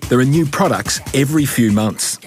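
A man presenting and narrating a science documentary segment in a lively, scripted style. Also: mid-range voice, moderate pace. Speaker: science reporter. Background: music.

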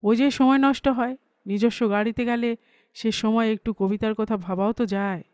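A woman voicing a proud, touchy middle-aged male poet with a gruff, aggrieved way of talking. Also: on the high side, steady tone, normal speed, a little mellow, no room sound, studio quality, lightly acted.

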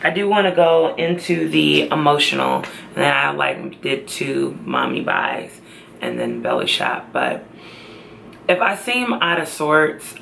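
A young woman talks to her camera at home in an unhurried, heavy drawl. Her voice is strongly gravelly yet bright in tone, tired and close to tears while she tries to sound hopeful. A faint hum of room ambience sits behind her. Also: sits low, sing-song. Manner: tired, slow and tearful, trying to stay upbeat. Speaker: pregnancy vlogger. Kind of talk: emotional personal vlog.

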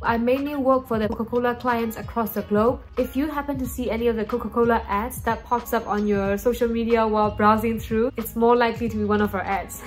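Speaking informally to her audience as "guys," this young Burmese woman in her 20s is a lifestyle vlogger chatting to camera. Her voice is high, and she's indoors in a small, flat room, with music playing beneath her.

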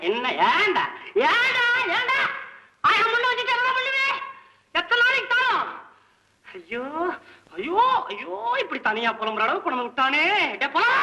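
A whining, wisecracking poor poet. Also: male voice, very high voice, pushed and bright, a little hiss or hum, full character voice. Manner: sarcastic, complaining, talks to himself in frantic bursts. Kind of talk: classic film drama dialogue.

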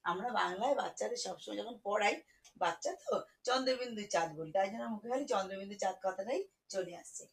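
A woman teaching children to read, spelling words out slowly syllable by syllable. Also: mid-range voice, vocal fry, low-quality recording. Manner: slow, syllable-by-syllable spelling, warm teacherly coaxing. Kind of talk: children's reading lesson.

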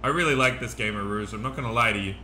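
A young man chatting excitably while commentating his own gameplay, laughing often. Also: fairly low pitch, rapid-fire, slight background noise. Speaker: gaming streamer.

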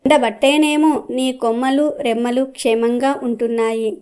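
A crafty wandering sage coaxes answers out of others with gentle, probing questions, voiced by a woman. The voice is clear and smooth, set somewhat high. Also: fairly even intonation, normal speed, lightly acted. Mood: coaxing. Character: sly wandering male sage.

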